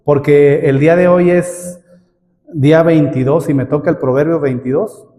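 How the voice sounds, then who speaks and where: A man's voice: on the high side, steady tone, normal speed, dark tone. A middle-aged man preaching a sermon, calling listeners "brother" and asking many rhetorical questions. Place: church hall. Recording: long hall reverb.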